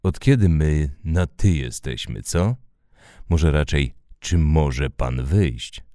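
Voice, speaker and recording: A man's voice: very deep voice, expressive, slow pace, warm tone, no echo, studio quality, exaggerated voice. A man voicing a drunk, aggressive husband who hurls crude insults. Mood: contemptuous.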